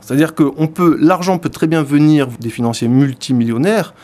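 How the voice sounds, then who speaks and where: A male radio columnist talks through a book in a slightly high voice. He hesitates constantly, filling gaps with sounds and repeating words as he goes. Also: a little fast, dark tone. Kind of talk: spoken book review on radio.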